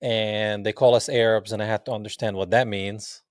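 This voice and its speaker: In studio-quality audio with no room sound, a man with a lowish voice talks at a normal speed. He's in his forties, from Palestine, and a native Arabic speaker, recounting stories casually as an interview guest. He's animated, acting out what people said and laughing often.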